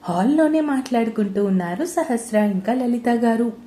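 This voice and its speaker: A woman narrating a romance story in a steady, plain reading style, in a roomy-sounding recording. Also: a little high, normal speed. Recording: roomy echo.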